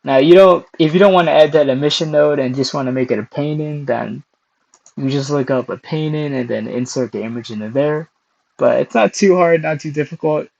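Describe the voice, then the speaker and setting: A young man whose voice is fading into hoarseness runs a casual screen-recorded software tutorial at a slightly fast pace. His pitch is fairly high, the sound is muffled, and he frequently clears his throat between steps.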